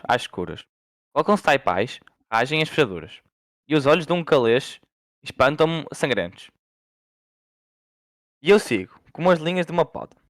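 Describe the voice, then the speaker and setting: A teenage boy from Portugal reading a long poem aloud for school in a steady, measured way. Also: medium pitch, no echo.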